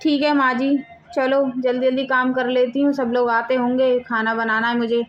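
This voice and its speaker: A woman's voice: high-pitched, flat delivery, moderate pace, lo-fi sound, close to an everyday voice. A woman doing a meek, dutiful young wife. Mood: kind. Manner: polite, pleading, compliant.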